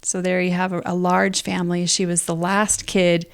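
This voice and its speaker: On a podcast discussing books, this co-host alternates between relaxed conversation and reading prepared notes, explaining ideas as she goes. She has a fairly low, clean voice with vocal fry, a level tone and a normal speed.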